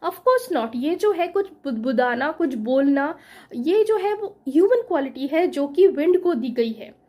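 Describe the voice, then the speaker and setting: Woman, high voice, mellow tone, teacher, slow when quoting poems. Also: animated. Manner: slow, drawn-out reading of quoted English verse. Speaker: English teacher. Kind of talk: explaining poetic devices in Hindi-English mix.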